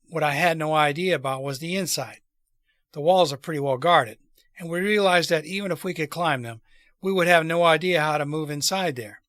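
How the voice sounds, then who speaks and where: A man voicing an earnest, deliberate revolutionary plotter in a storybook read aloud. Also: on the high side, fairly bright tone, dry recording, studio quality, natural voice. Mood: earnest, explaining. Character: earnest male revolutionary plotter persuading wary allies.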